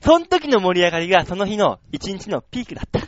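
A man's voice: high voice, quick pace, noisy background. A man hosting a chat show, telling a funny story with animation and sound effects, on a dull lo-fi recording. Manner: animated, acts out sounds and voices. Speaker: radio show host.

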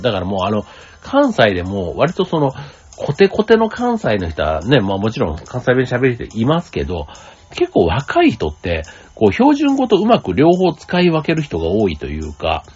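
Man, casual podcast host, low voice, husky, animated pitch, rambling chat. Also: moderate pace. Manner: rambling, chatty, many fillers and asides. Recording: slightly dull lo-fi audio with faint music.

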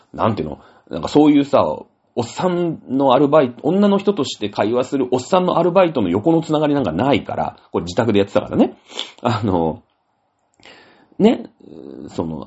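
A man's voice: mid-range voice, darkish tone, slightly rough. A man hosting a casual solo talk show, rambling through a story with many fillers. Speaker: host. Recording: dull lo-fi audio.

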